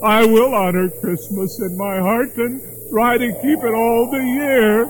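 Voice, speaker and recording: A man's voice: very high-pitched, fairly even intonation, measured pace, background noise. A man playing an old miser who pleads with a spirit and then bursts with giddy joy at being changed. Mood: pleading remorse. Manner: pleading, then overjoyed and breathless with laughter.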